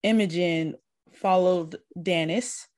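A woman's voice: fairly low pitch, slow, darkish tone. A woman co-hosting a podcast, recapping a tabletop game episode in casual chat and laughing often. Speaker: podcast co-host. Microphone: podcast mic.

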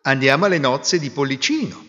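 A man with a husky voice playing a proud, bustling male rooster in a folk tale, brisk and cheerful. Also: mid-range voice, animated, pushed and bright. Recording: echoey hall, dull lo-fi sound.

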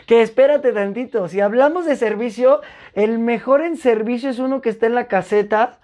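A young woman with a Mexican accent and a soft, mellow tone. She tells stories in lively, slangy chat and slips into other people's voices to act out their lines. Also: on the high side, normal speed. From Puebla, Mexico. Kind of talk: casual chat, storytelling.

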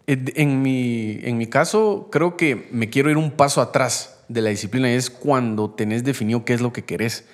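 A man's voice: mid-range voice, moderate pace, few pauses. A young man, talking animatedly about faith and acting out the voices he quotes. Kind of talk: faith-based conversational talk.

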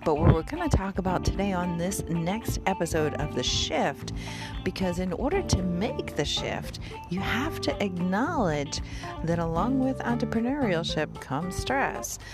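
Lower-voiced woman hosting a motivational podcast. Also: animated, unhurried, over loud music. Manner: direct, conversational address to listeners. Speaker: podcast host.

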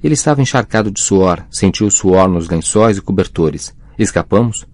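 A man's voice: low-pitched, expressive, fairly quick, darkish tone, no room sound. Man reading a dramatic audiobook. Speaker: audiobook narrator.

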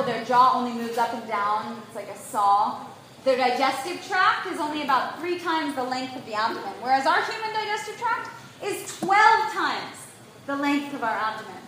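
High-voiced woman lecturing in an echoey room. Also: slight background noise. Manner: keeps checking in with "right?"; emphatic and animated. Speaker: nutrition speaker. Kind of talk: live lecture to an audience.

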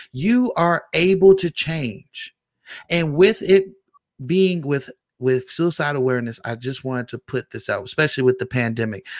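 A man's voice: on the high side, no room sound, clean studio sound. A man co-hosting a motivational talk, preaching in emphatic, repetitive phrases. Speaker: co-host.

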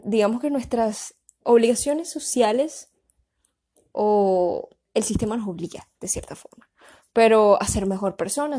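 A young woman with a Colombian Caribbean coastal accent, chatting casually and explaining things in a lively, colloquial way. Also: medium pitch. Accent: Colombian Caribbean (costeño). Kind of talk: casual chat.

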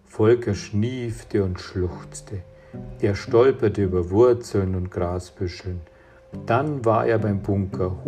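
A man reading a children's adventure audiobook in a measured storytelling manner. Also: fairly low pitch, warm tone. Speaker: audiobook reader. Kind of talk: scripted narration. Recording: reading over guitar music.

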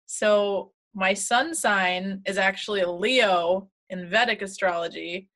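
A woman's voice: medium pitch, slow pace, fairly bright tone. A woman co-hosting a casual talk show, laughing often and swearing freely as she tells stories. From United States. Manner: laughs often, swears casually, acts out her own past remarks. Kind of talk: casual chat.

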